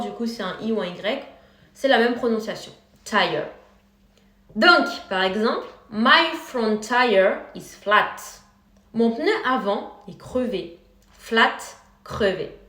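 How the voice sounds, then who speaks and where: A woman teaching English car vocabulary, speaking slowly and clearly and repeating each word for her learners. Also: on the high side, fairly bright tone, echoey room. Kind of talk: vocabulary lesson.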